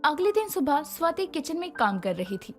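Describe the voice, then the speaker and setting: A woman narrating a moral story in a scripted, expressive way. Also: sits high, moderate pace. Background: background music.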